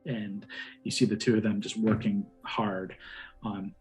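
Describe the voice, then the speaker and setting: A man's voice: on the low side, flat delivery, darkish tone. Man narrating a fantasy game over music. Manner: halting, descriptive delivery. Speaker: game master. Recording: music behind the voice. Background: background music with guitar.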